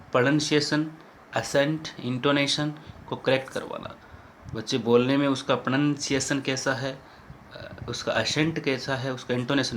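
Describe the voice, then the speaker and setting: A male teacher giving a lecture on English teaching methods, explaining in Hindi and reading English example sentences slowly. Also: mid-range voice, fairly bright tone, slight background noise.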